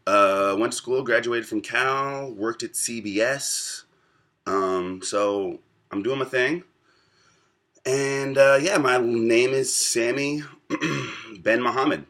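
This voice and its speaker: A man in his twenties from the United States, telling a personal story to camera in a reflective, pausing way. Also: medium pitch, fairly bright tone. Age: 20s. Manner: reflective, pausing often between thoughts. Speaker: vlogger.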